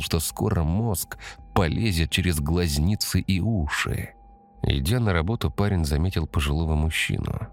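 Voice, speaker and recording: A man narrating a story in a steady, measured audiobook reading. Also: extremely low pitch.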